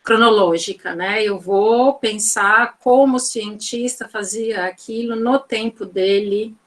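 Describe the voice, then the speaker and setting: A woman with a Northeastern Brazilian accent gives an online physics-education lecture over a video call, speaking slowly at medium pitch. She thinks aloud loosely, filling her talk with "né" and "então".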